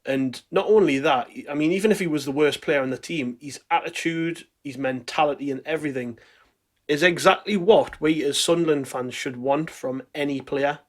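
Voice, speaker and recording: A man's voice: on the high side, normal speed. A man hosting a football fan podcast in a casual, conversational way. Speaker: podcast host.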